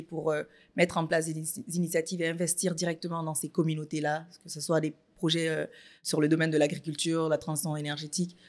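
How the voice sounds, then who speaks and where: A woman from Guinea, raised in Canada, interviewing a guest with thoughtful, engaged questions. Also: deep voice. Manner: engaged, thoughtful, with frequent affirmations.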